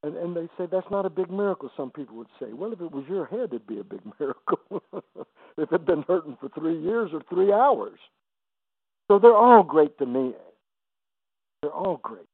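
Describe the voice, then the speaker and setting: A man in his seventies, an evangelist guest, telling emotional testimony stories on a radio interview, halting and repeating words as he goes. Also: fairly high pitch, big pitch swings, gravelly, husky, no room sound. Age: 70s. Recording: dry, phone-like radio line.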